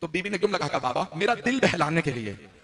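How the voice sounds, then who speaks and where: Male preacher, high gravelly voice, impassioned mourning recital for a congregation. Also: very animated, quick pace, crowd noise. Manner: impassioned, lamenting, climbing to tearful cries. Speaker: Shia religious orator. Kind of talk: mournful majlis sermon recital.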